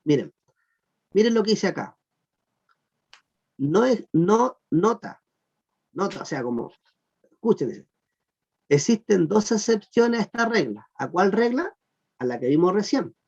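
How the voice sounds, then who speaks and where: A teacher giving an online class on Greek verb grammar, patiently repeating "look" and asking the class whether it is clear. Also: medium pitch, sing-song, normal speed, pauses often, a little mellow. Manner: patient, repeats "miren" and "fíjense" often; asks the class check questions. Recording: muffled lo-fi recording.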